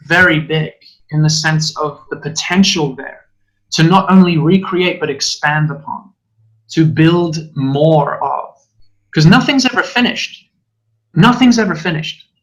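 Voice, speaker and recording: Man, higher register, earnest and passionate teacher in casual chat. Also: a bit bright, poor audio. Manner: earnest, passionate, occasional swearing. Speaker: spiritual teacher. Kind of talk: conversational podcast chat.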